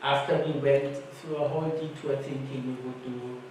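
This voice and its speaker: A man's voice: medium pitch, fairly even intonation, normal speed, a little mellow. Man telling stories in an echoing hall. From Germany. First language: German. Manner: informal, anecdotal storytelling. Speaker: conference panelist. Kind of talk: conference talk. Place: conference hall. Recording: echoey hall, distant mic, faint noise.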